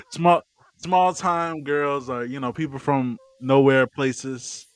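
A man co-hosting a casual chat podcast, speaking in halting, drawn-out phrases and laughing often. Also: mid-range voice, steady tone, clear, resonant tone, no room sound. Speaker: podcast co-host.

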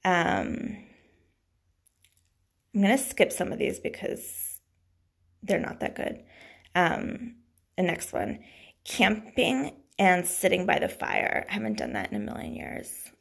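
Gravelly, breathy woman rambling casually. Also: lowish voice, wildly swooping pitch, slow, long pauses. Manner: rambling and hesitant, many fillers. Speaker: podcast host. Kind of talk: casual solo podcast chat.

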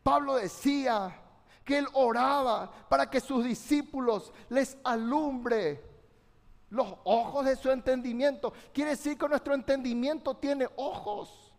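A man's voice: extremely high pitch, unhurried. A man preaching a fervent sermon, speaking directly to his congregation and calling for their responses. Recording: long reverb of a large hall.

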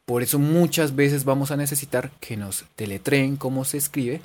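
A woman's voice: rumbling low, moderate pace, darkish tone. A woman teaching English pronunciation in a playful, chatty, encouraging way. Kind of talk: casual online lesson.

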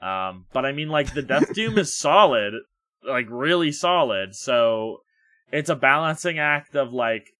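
Male podcast co-host, wry relaxed music chat, bright edgy tone, dry sound. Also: mid-range voice, measured pace, no echo. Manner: relaxed, wry, filler-heavy. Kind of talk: casual music review chat.

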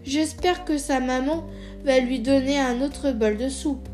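A woman's voice: high-pitched, a little slow, a little mellow, soft background music. A woman voicing a polite, curious little girl in a storybook reading. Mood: gentle.

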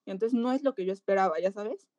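A woman with a Mexican accent, a physiotherapist telling a lively story in an interview and acting out voices. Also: mid-range voice, quick pace, no echo, dull audio. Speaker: pediatric physiotherapist.

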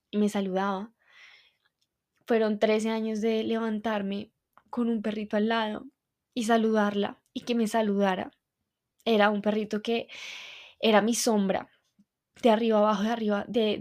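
Woman podcast host, heartfelt halting monologue, even mid-range pitch. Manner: reflective, heartfelt, halting recounting. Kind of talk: personal storytelling monologue.

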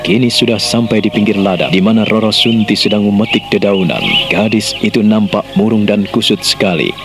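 A man narrating a radio drama in a measured storytelling manner. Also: fairly low pitch, steady tone. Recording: old radio drama with loud music underneath.

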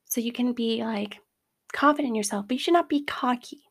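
Woman, host, casual advice talk, chatty, filler-heavy, somewhat high pitch. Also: fairly quick, creaky, slightly rough. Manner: acts out quoted remarks in a brighter voice.

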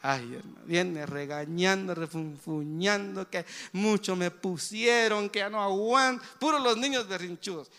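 Man, sermon, high bright voice, questions the congregation, long hall reverb. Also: unhurried, few pauses. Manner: calls the congregation "brothers" and asks them direct questions. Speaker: preacher. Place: church hall.

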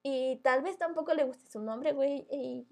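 A woman's voice: high-pitched, normal speed, gravelly, a little mellow. A young woman with a Mexican Spanish accent chatting casually on a podcast, blunt and full of slang and swearing. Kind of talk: casual chat.

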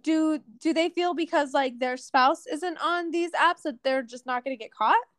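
A high-pitched young woman talking fast and loose on a podcast, full of "like" and quick asides. The sound is dry and close, with no room around her. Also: dry recording. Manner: chatty, animated, lots of "like". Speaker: podcast co-host. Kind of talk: casual podcast chat.

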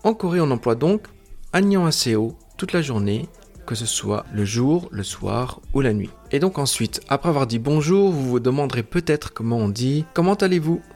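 A man explaining a language lesson with a lively, rising and falling voice. He is patient and methodical, slowing down to break each sound apart. Soft music plays faintly behind him. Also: mid-range voice. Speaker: language teacher.

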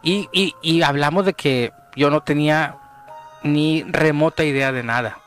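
A man with a Mexican accent telling a story in casual chat, animated and dropping to hushed tones at tense moments. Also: fairly high pitch, a little slow, soft background music. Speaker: podcast guest telling a story.

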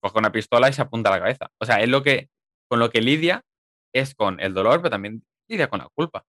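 A man from chatting casually about a film, lively and emphatic, with casual swearing. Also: medium pitch, fast talker, no echo, clean studio sound.

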